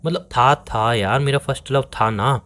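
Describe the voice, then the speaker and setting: A man's voice: mid-range voice, a little slow, a bit bright. A man playing a boyfriend on a phone call, rambling defensively and pleading to be heard. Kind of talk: scripted couple call recording.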